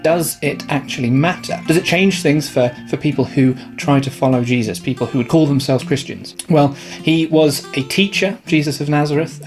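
A man's voice: medium pitch, a little mellow. A man hosting a podcast discussion, chatty and full of fillers and restarts. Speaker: podcast host.

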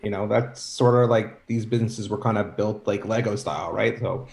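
A man's voice: lowish voice, fairly even intonation, normal speed, vocal fry, a little mellow. A man in his forties, a guest on a podcast, explaining things in an easygoing, rambling way. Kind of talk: casual chat. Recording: roomy echo.

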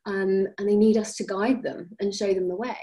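Mellow-voiced British woman giving reassuring advice. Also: mid-range voice, fairly even intonation, normal speed. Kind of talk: conversational advice on parenting podcast.

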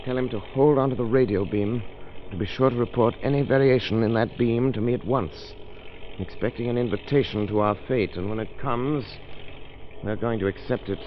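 An actor playing a calm, commanding crime-fighter, measured, in a 1930s radio drama. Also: male voice, medium pitch, lightly acted. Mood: calm, resolute. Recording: dull radio recording, loud engine drone.

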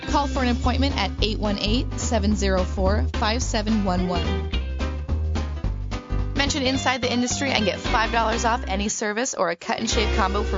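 A woman announcer reads a scripted radio commercial in a mid-range voice. Loud music plays behind her, and the sound is slightly dull. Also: mid-range voice.

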